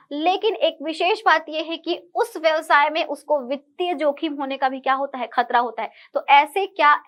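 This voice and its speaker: High-pitched woman teaching exam English. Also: fairly bright tone. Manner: patient, explanatory, repeats key words. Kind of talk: online lesson, explaining MCQs.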